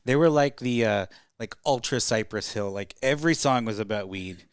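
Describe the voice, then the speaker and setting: A man's voice: medium pitch, normal speed, clear, resonant tone, no echo, studio quality. A man co-hosting a podcast, telling stories in a rambling, casual way full of fillers. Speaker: podcast co-host.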